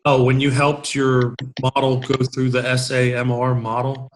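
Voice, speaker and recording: A man's voice: mid-range voice, monotone, unhurried, a little hiss or hum. A man giving casual, encouraging peer feedback on a video call, rambling with many restarts. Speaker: peer reviewer.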